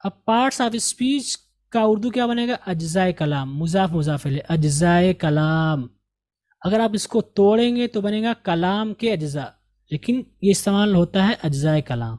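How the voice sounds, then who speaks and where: A man from India teaching an English lesson, repeating example sentences slowly and carefully to correct pronunciation. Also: high voice, animated, a little mellow. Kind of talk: recorded language lesson.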